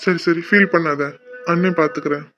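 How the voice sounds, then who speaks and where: A man's voice: on the high side, fairly even intonation, brisk, over music, natural voice. A man voicing a reassuring cartoon big brother. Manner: coaxing and reassuring. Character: young man, a caring protective older brother. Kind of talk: cartoon voice acting. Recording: dull lo-fi audio.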